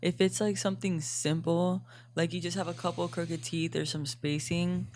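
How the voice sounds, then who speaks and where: A woman's voice: fairly low pitch, flat delivery, moderate pace, a little mellow, slight background noise. A young woman co-hosting a podcast in casual chat, laughing often and explaining things at length. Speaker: podcast co-host.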